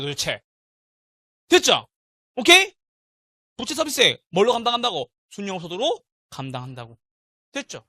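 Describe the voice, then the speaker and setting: Middle-aged male lecturer, lively swinging pitch, bright forceful tone, quizzes the class over and over. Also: dry recording, clean studio sound. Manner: animated, drills students with repeated call-and-response questions. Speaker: real estate exam lecturer.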